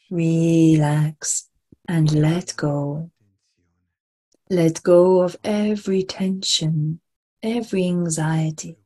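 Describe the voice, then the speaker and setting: A low-pitched woman's voice guides a relaxation meditation: breathy, soft, and deliberate, it soothes through repetition and long pauses.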